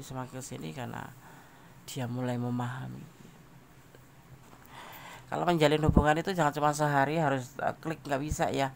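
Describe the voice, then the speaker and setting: A man's voice: on the high side, creaky, slight background noise. A man giving a casual tarot general reading, talking straight to the listener and repeating phrases. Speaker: tarot reader.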